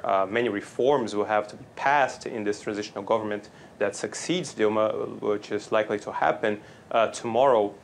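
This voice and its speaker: A man speaks English with a Brazilian accent in a slightly low voice. He explains things in a measured way, like an analyst on live television news. There is clear ambient noise behind him. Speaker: political analyst, interview guest.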